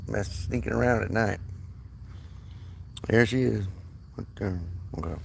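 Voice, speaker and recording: A man's voice: lowish voice, measured pace, gravelly, a little mellow, slightly rough. A man live streaming from his phone outdoors at night, chatting to viewers in a rambling way and laughing often.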